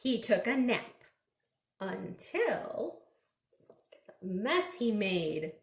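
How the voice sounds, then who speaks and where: This woman's mid-range voice is very animated, and she draws out her words. She's a children's librarian reading aloud expressively to little kids and prompting them with simple questions. An indoor echo fills the roomy recording.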